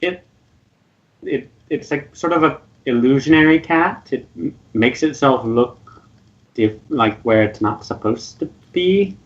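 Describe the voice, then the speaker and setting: A man voicing a simple male villager who talks in halting, stumbling bursts. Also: medium pitch, lively intonation, muffled recording, lightly acted. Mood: helpful. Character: simple gruff male NPC Ornstein.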